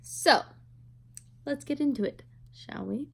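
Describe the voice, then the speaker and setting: A woman in her twenties, a video creator, tells a casual, chatty storytime while doing her makeup. She rambles, giggles, and pokes fun at herself in a high, gravelly voice at a slow pace.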